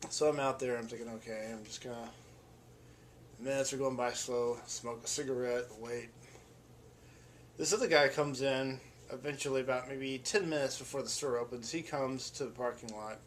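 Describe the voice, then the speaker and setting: A man's voice: medium pitch, fairly even intonation, normal speed, slight background noise. A man who vlogs and plays music tells a story in a casual, rambling, enthusiastic way, restarting his sentences often. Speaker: vlogger and musician.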